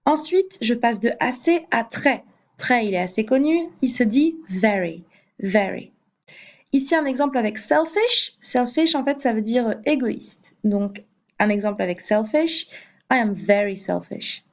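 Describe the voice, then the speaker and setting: A woman's voice: on the high side, animated, moderate pace. A woman teaching an English grammar lesson in French, patient, with fillers and hesitations, repeating each example twice.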